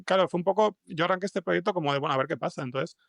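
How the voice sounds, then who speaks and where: This Spanish-accented fiction-podcast writer, interviewed as a guest, has a slightly high, fairly bright voice with vocal fry and talks rapidly but haltingly. He shares anecdotes conversationally, frequently restarting sentences, and the clean studio recording has no echo.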